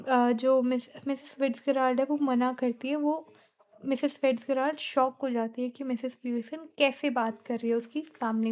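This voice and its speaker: A woman teaches a class by walking through a play line by line. She quotes each character's lines in a plain, steady way rather than acting them out. Her voice sits fairly high.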